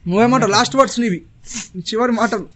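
Young male prank-vlog host, excitable, pitched high. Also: rapid-fire. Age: young adult. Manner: teasing, excitable. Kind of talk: casual prank commentary.

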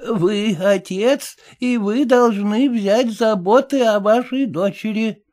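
A man voicing a solemn, stern elderly woman who speaks slowly and grandly. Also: darkish tone. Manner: slow, high, stately delivery.

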